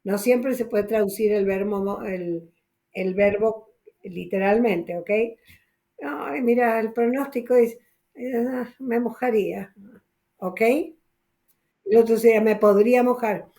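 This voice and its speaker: Teacher, female, fairly high voice, slow and patient, explains grammar step by step. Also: warm tone. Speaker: English teacher. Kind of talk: online class teaching, mixing Spanish and English.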